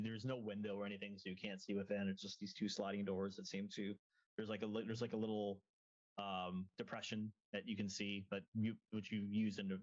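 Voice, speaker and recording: A man acting as game master, narrating scenes in a halting way with many ums and restarts. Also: lowish voice, dull audio.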